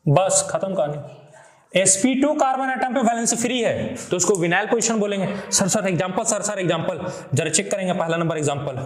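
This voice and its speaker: A man's voice: high-pitched, expressive, a little fast, roomy sound. A male chemistry teacher giving a classroom lecture, fondly addressing his students and repeating questions in a call-and-response pattern.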